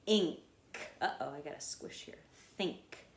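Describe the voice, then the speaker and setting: A woman teacher walks through a phonics lesson slowly, sounding out each word and repeating it. Her voice sits a little low. The room around her is echoey. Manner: slow, step-by-step, repeating words aloud.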